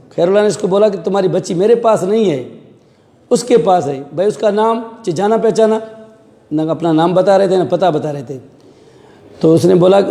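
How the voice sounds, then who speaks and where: A middle-aged man from Pakistan, talking in a high, very dark and mellow voice. He is a police officer telling his story in an interview and putting on the voices of the people he quotes. The room gives a long, echoing reverb. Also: vocal fry. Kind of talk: recounting events in an interview.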